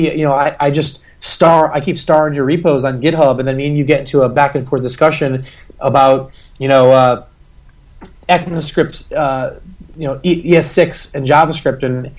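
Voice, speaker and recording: A man's voice: a little high, fairly even intonation, normal speed. Sick man with a scratchy voice. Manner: rambling, many restarts and fillers. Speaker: guest, agency founder. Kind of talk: podcast interview.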